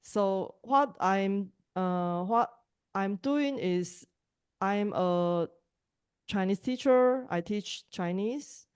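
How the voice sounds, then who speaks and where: A woman's voice: mid-range voice, darkish tone, clear, resonant tone. A woman from Taiwan with a Taiwanese accent, speaking English as a second language, introducing herself hesitantly on a video call. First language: Mandarin. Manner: hesitant, with pauses and restarts. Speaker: language teacher and podcaster. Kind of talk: online group introductions.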